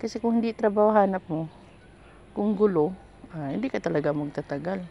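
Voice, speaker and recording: A woman's voice: medium pitch, brisk, vocal fry, lo-fi sound, slight background noise. A woman vlogger chatting candidly about her work as a household helper, rambling and restarting as she tells her story. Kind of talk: casual chat.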